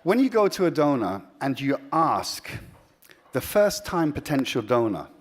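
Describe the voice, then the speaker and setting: A man giving an earnest award acceptance speech as a charity founder, with many pauses and restarts, swinging between emphatic and soft delivery. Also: medium pitch, sing-song.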